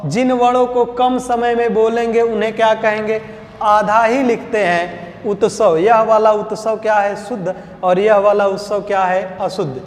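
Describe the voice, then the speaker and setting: A man with a Hindi accent teaching a spelling lesson in a coaching class. He drills each word by slow repetition and quizzing. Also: high voice, little pitch movement. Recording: echoey classroom hall.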